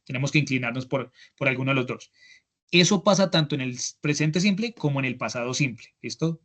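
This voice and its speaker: A man's voice: fairly high pitch, a bit bright. A man with a Colombian Spanish accent teaching English grammar in an online class, explaining step by step and often checking in with "¿listo?". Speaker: English instructor. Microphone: computer mic on a video call.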